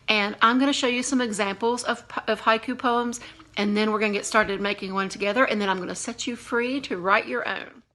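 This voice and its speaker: A female English teacher leads a video lesson for young learners, speaking in a lively, conversational style and repeating words for emphasis. Her voice sits on the higher side.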